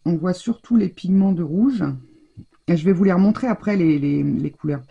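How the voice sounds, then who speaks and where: With a lowish, gravelly voice and a breathy edge, a woman at normal speed walks viewers through a craft technique, talking as she works and often breaking off or beginning sentences again. The sound quality is lo-fi.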